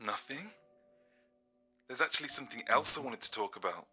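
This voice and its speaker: A man playing a cryptic, ominous caller in a game, speaking quietly with eerie gravity. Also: mid-range voice, expressive, a little fast, faint music behind. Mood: quiet menace. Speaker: radio caller. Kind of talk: dramatic game dialogue, ominous phone-in.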